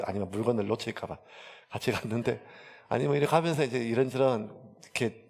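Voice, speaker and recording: A man's voice: fairly low pitch, creaky, husky. A male pastor, chattily telling a story in a sermon, full of fillers. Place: church sanctuary. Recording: long church hall reverb.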